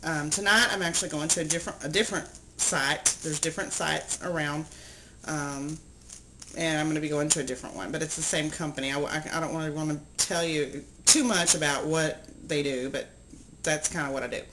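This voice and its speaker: A chatty middle-aged woman vlogging to her camera. Her voice sits a little low, and she rambles through stories with plenty of ums. A steady hiss of noise runs under the recording. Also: fairly quick. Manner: chatty, rambling, animated storytelling with many ums. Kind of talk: casual vlog chat.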